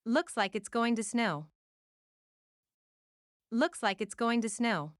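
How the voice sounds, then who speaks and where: Woman reading practice phrases, unhurried, clean and crisp, each line repeated evenly, dry close sound. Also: on the high side, no room sound. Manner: repeats each phrase several times, deliberate and even. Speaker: English phrase reader. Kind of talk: slow read-aloud of practice phrases.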